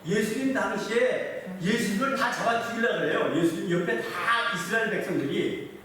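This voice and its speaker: A man's voice: high voice, normal speed, fairly bright tone. A man preaching a sermon as pastor, often putting yes-or-no questions to the congregation. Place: church sanctuary. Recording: echoey hall, voice from far off, faint noise.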